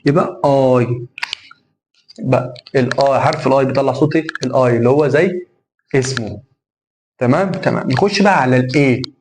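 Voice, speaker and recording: A man's voice: mid-range voice, normal speed, long pauses, noisy background. A man with an Egyptian Arabic accent teaching an English lesson, repeating and stretching out vowel sounds as he drills them. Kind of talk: classroom lesson explanation.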